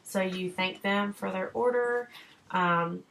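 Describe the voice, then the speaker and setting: A woman in her thirties talks through her sales tips in a chatty, encouraging way, full of fillers, restarts and quick asides. Her voice sits at a middle pitch, and a faint hiss stays in the background of the home recording. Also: vocal fry, fairly bright tone, low-quality recording. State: short of breath. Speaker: direct sales consultant. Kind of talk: casual vlog advice.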